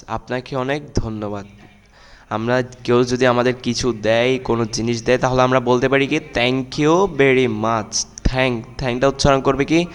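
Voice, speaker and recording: A man teaching spoken English to children, saying English words slowly and clearly and correcting how they should be pronounced. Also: medium pitch, long reverb tail. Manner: slow, drawn-out model pronunciation of English words; repeats and corrects words, addressing children directly.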